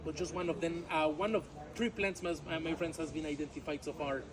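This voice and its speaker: Amid background noise from a crowd of tourists, a man guides a walking tour among ruins in a fairly high, steady voice at a brisk pace. Originally a Yucatec Maya speaker, he talks in Mexican Spanish-accented English, chatty and jokey, laughing at his own gags and repeating "my friends" and "all right?"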